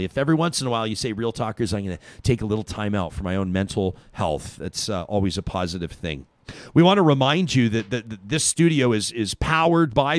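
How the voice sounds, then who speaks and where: A man's voice: medium pitch, no echo. Earnest male radio host, dry studio sound. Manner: earnest, reflective, some stammered restarts. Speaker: radio talk show host. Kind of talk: live talk show interview and ad reads. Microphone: studio microphone with headphones.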